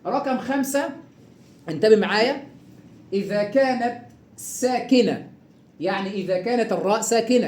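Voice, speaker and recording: A man with an Egyptian accent teaching Quran recitation rules, stretching out example words slowly and quizzing the listener. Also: sits high, a little mellow, echoey room. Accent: Egyptian Arabic. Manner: drawn-out slow repeating of example words, quizzing questions. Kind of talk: tajweed lesson.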